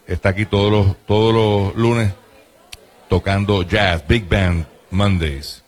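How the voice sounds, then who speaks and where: A man hosting a show, joking with guests and reading live ads in a playful way. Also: medium pitch. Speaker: host. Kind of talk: radio-style chat and live ad reads.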